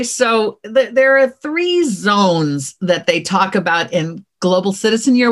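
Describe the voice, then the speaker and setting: A middle-aged woman, an author and former dean, answering interview questions in a lively, encouraging way, acting out little quoted voices and often checking in with "okay?". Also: mid-range voice.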